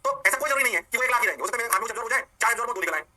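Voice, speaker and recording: Male physics teacher, rapid talk, sharp and husky voice, lively call-and-response lecturing. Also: very high-pitched, rough recording. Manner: animated, plays both sides of a call-and-response with students. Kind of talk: energetic classroom lecture.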